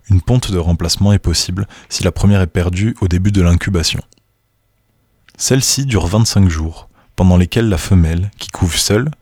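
A man reading scripted nature documentary narration in a measured, informative manner, with a husky voice. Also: sits low, darkish tone, dry recording, clean studio sound.

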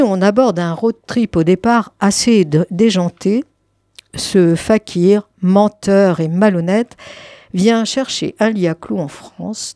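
A woman presenting and reviewing novels in a calm, measured scripted manner. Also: mid-range voice, no room sound, studio quality. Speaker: book reviewer.

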